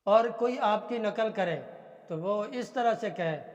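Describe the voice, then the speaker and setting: High-voiced male Quran teacher, reverberant. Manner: explains patiently and drags out sounds to demonstrate pronunciation. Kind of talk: religious teaching lesson. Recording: reverberant lo-fi recording.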